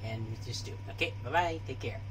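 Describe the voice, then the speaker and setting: A young man chatting casually through a cooking demonstration in a small home kitchen, relaxed and full of fillers. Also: mid-range voice, fairly quick, noisy background. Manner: relaxed, hesitant, many fillers. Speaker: cooking vlogger.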